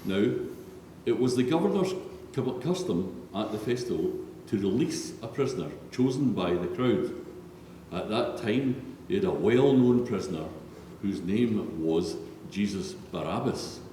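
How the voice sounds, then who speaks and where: A man narrates a solemn Bible reading from a script, his lowish, mellow voice unhurried yet lively in intonation. The sound is distant and echoey, captured in a big reverberant church hall with faint noise.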